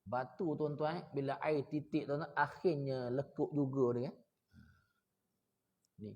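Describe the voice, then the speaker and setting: A man preaching a mosque sermon to a congregation. He keeps asking his listeners questions and breaks into sudden loud, high outbursts. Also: fairly even intonation, a little slow, highs cut off.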